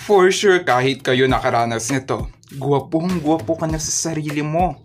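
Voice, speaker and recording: A man's voice: a little high, normal speed. A man with a Filipino accent telling embarrassing stories in a playful, self-mocking narration for his cartoon. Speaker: animator and narrator. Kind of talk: comedic storytelling narration. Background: soft music.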